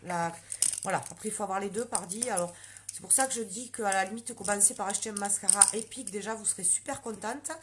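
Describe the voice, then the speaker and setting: A woman's voice: medium pitch, fast, noisy background. A woman with a southwestern French accent, chatting casually on a makeup live stream and answering viewer comments. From Lot, southwestern France.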